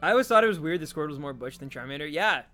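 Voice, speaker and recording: A man chatting casually on a live stream, reading out chat in an animated, talkative way. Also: fairly high pitch, very fast, faint music behind.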